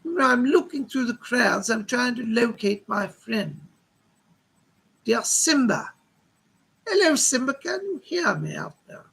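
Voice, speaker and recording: Seance medium channeling, man playing a cultured gentleman spirit, chatty, polite, reminiscing, husky, bright. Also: very high voice, very animated, a little slow, heavily acted. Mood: genial, musing. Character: chatty cultured gentleman spirit guide, London art patron.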